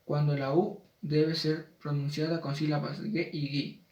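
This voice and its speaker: A man reads out a spelling lesson in a measured way and slows down for the example words. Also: on the high side, level tone, darkish tone, far from the mic. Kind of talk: reading a spelling lesson aloud. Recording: echoey room, voice off-mic.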